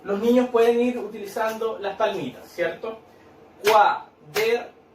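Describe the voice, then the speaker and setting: A man's voice: high voice, moderate pace, recorded from a distance, background noise. A male teacher explaining a worksheet in a patient, repetitive way, checking in with tag questions. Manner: patient, repeats and claps out syllables, tag questions. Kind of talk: recorded lesson explaining a worksheet. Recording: echoey room, off-mic.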